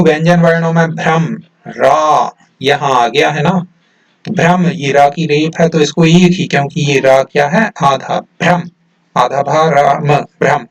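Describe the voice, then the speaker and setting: A man's voice: a little high, far from the mic. A male teacher explaining a grammar lesson to students in a patient, explanatory manner, often checking with "है ना" and "ठीक है".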